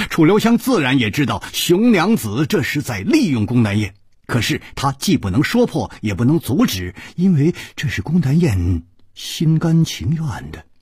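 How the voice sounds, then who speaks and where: A man narrating a martial arts novel as a dramatic, slow and highly expressive storyteller. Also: breathy edge, no room sound, clean studio sound.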